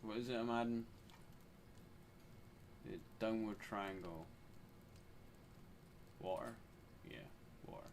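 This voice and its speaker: A man's voice: fairly low pitch, fairly even intonation, slow, long pauses. A man doing casual gameplay commentary, muttering to himself and swearing freely. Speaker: gamer. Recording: clear game noise behind voice.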